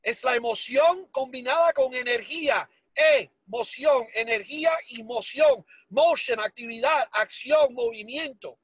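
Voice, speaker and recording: Man, motivational speaker, emotional and emphatic, raspy voice, dry close sound. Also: very high voice, measured pace, hardly any pauses, no room sound. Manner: emotional and emphatic, repeats words for force; drops English phrases into his talk. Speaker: motivational speaker for a sales business. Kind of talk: motivational speech.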